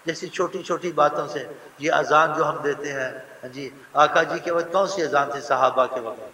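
A man's voice: a little high, pushed and bright. Emphatic male preacher in an echoing hall. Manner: earnest, emphatic, acts out quoted voices. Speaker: religious preacher. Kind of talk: sermon. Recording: roomy hall, heard from a distance.

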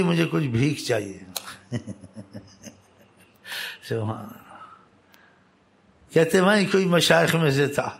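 A man preaching by storytelling, voicing the people in his tale with lifted pitch, with halting restarts and repetitions. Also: vocal fry, fairly bright tone. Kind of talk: storytelling sermon.

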